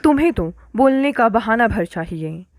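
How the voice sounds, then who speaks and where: A woman's voice: on the high side, expressive, normal speed, a little mellow, no echo, studio quality. A woman voicing an irritated young college-going daughter who snaps back, in a storybook reading. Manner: snappish, talking back.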